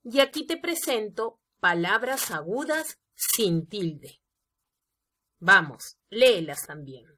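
Female teacher, scripted lesson narration, very unhurried and deliberate delivery. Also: medium pitch, very animated, sharp tone. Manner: slow, careful, addressing students directly.

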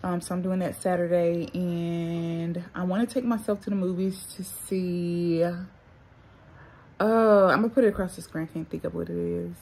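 A woman's voice: on the low side, fairly even intonation, normal speed, creaky, a little mellow, a little hiss or hum. A young woman from North Carolina, chatting casually to her viewers in a vlog, a little muffled from the retainers she has in. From North Carolina, USA. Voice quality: talks with retainers in, slightly muffled. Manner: chatty, addresses viewers as y'all and girl. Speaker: vlogger.

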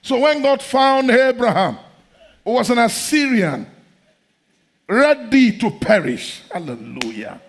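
A middle-aged man preaching a sermon in a large church hall, fervent and repetitive, often breaking into shouts. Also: very high-pitched, big pitch swings, slow, husky.

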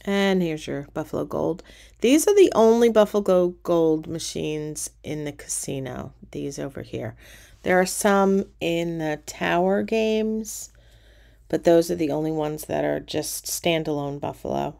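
A middle-aged woman with a low, gravelly voice vlogs a casino tour at an unhurried pace, filmed on a handheld camera. She walks through an indoor cruise ship casino, narrating in a casual, relaxed way and pointing things out along the route.

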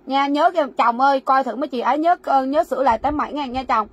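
A woman's voice: sits high, quick pace, highs cut off. A woman selling goods on a livestream, repeating sizes and prices and urging viewers to write down their orders. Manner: repetitive, coaxing viewers to comment orders. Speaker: livestream seller. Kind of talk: fast live-sale patter. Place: warehouse.

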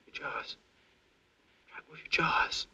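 An actor playing a young soldier's halting, stammering inner monologue that swings between hushed dread and panic. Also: male voice, mid-range voice, animated, husky, muffled recording. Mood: uneasy. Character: young male soldier, maimed, trapped and frightened. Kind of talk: film voice-over inner monologue.

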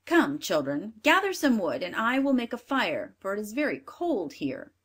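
A woman voicing a harsh, scornful stepmother in a storybook reading, sharp and commanding. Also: mid-range voice, sing-song, moderate pace, slightly rough. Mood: scolding. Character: harsh scolding stepmother, middle-aged woman.

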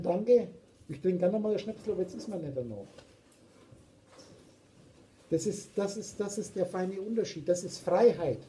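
A man's voice: sits high, mellow, a little hiss or hum, poor audio. A man with a German accent giving an emphatic, preachy spiritual talk, repeating his points. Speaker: spiritual teacher. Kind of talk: philosophical talk.

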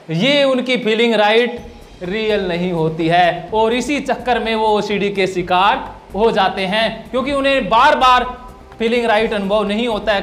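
A man's voice: very high voice, fairly bright tone. A man working as a psychological counsellor, giving an emphatic explanatory talk and repeating his key points. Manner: repetitive, emphatic teaching delivery.

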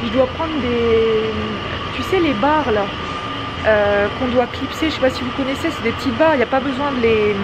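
A woman in her twenties vlogging casually, her voice slightly muffled through a face mask. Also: a little high. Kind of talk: casual shopping vlog chat. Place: car, then large busy discount store. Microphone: handheld camera at arm's length. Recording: clear background noise, store and vehicle ambience.

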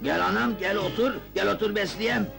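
An actor playing a hearty, joking village agha in an old Turkish film, teasing and affectionate. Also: male voice, high voice, moderate pace, vocal fry. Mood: doting. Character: jovial doting village agha Süleyman. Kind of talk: 1980s Turkish film acting. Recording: old film soundtrack with loud music.

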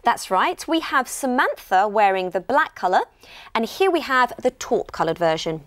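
Higher-pitched, animated British woman presenter. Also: normal speed, dry recording. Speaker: shopping channel presenter. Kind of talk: scripted product demonstration. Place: TV studio lounge set.

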